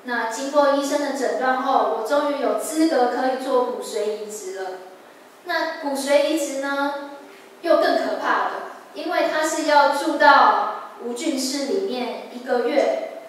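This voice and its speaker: A young woman with a Taiwanese Mandarin accent gives a personal testimony in a church service, telling her story earnestly with halting restarts. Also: high voice, a little hiss or hum. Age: young adult. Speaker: church member giving testimony. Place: large church sanctuary. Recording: echoey hall, voice from a distance.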